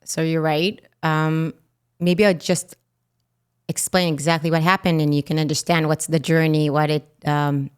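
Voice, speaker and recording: Low, smooth-voiced Israeli woman telling her story. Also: little pitch movement, measured pace. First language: Hebrew. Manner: vivid retelling, acting out quoted dialogue. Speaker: podcast guest. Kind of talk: personal storytelling in an interview.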